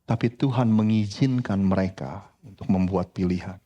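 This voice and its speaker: A pastor preaching a sermon in church, lively and direct, often addressing the congregation as brothers and sisters. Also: male voice, on the low side, moderate pace, slightly rough, muffled recording. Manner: animated preaching, frequently addressing the congregation as "saudara".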